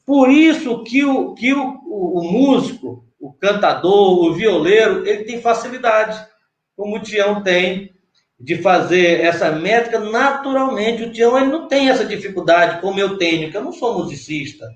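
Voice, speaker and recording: This man, a Brazilian cordel poet, has a high, expressive voice at a normal speed. Patient and methodical, he runs an online workshop, frequently checking on his guest; the video-call audio carries a roomy echo.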